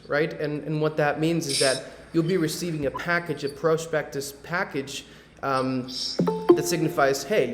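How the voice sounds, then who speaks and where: On a video call, a man from Medellín, Colombia, casually presents a real estate webinar, scattering fillers and tag questions throughout. His voice is on the high side and the audio sounds roomy.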